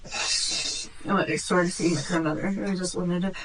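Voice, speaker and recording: A woman with a husky voice answers police questions as a cornered suspect, halting, subdued and upset. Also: lowish voice, steady tone, a bit bright, a little hiss or hum, poor audio. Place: police interview room.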